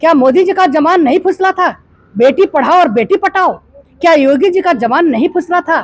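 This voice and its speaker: Older woman, high voice, dry sound, firing off indignant questions in a news interview. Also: animated, normal speed, dry recording. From Gorakhpur, eastern Uttar Pradesh, India. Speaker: interviewee, politician.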